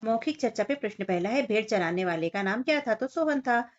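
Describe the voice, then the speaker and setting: A woman's voice: on the high side, animated, a little fast. Lady teacher going thru a kids workbook, talks right to the children, kinda muffled lo-fi sound. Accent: Hindi. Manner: explains step by step, addressing children directly. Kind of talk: workbook lesson for young children. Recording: dull lo-fi sound.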